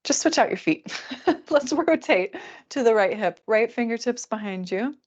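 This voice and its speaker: A woman teaching a restorative yoga class, calmly counting breaths and giving relaxed, chatty cues. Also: on the high side, normal speed, muffled recording.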